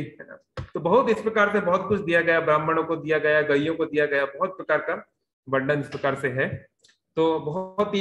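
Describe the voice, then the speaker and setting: This devotional youth lecture comes through a video call, with a man narrating in storytelling fashion, using plenty of fillers and slipping in English words. His slightly high, somewhat bright voice is captured in a reverberant, low-quality recording with a little hiss or hum.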